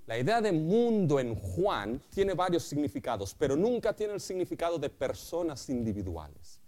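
A middle-aged man from preaching a sermon as pastor, with impassioned delivery that trails off softly at the ends of phrases. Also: fairly high pitch, big pitch swings, moderate pace.

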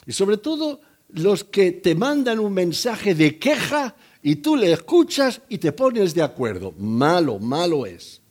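Lively older preacher. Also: male voice, high-pitched, a little slow. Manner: conversational, joking asides to the congregation; acts out quoted voices in the story. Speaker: pastor. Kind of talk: sermon.

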